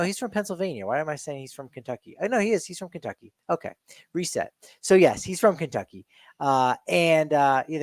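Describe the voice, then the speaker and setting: A man's voice: medium pitch, dry recording. A man co-hosting a sports talk show, rambling through stats with many restarts and self-corrections. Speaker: podcast co-host.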